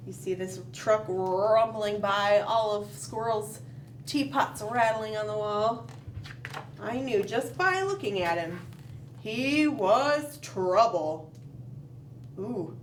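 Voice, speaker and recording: With a mid-range voice, a woman hosting storytime reads a picture book to young children slowly and expressively, pausing dramatically and adding questioning asides. She sits some distance from the mic in a roomy space, with faint background noise.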